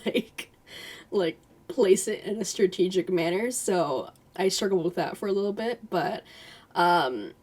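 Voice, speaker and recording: A young woman giving a casual, chatty voice-over nail tutorial, with lots of fillers and a slightly hoarse voice. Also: medium pitch, a little mellow. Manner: chatty, filler-heavy, self-deprecating.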